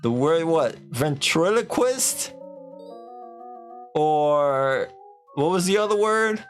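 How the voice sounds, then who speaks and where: A man chats with his stream audience in a loose, animated way, laughing and swearing lightly. His pitch jumps widely while the pace stays relaxed and slow, with faint music playing underneath. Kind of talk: casual live-stream chat.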